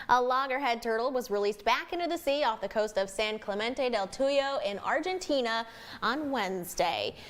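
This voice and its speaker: An American woman reading scripted news as a television anchor. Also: on the high side.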